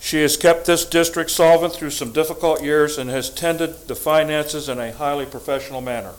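An older man from the United States giving a prepared, formal statement to a school board, deliberate and emphatic. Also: a little high, fairly even intonation, poor audio. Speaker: public commenter at school board meeting.

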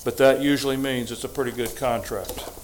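An older man from the United States giving a prepared, formal statement to a school board, deliberate and emphatic. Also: medium pitch, fairly even intonation, slight background noise, poor audio. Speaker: public commenter at school board meeting.

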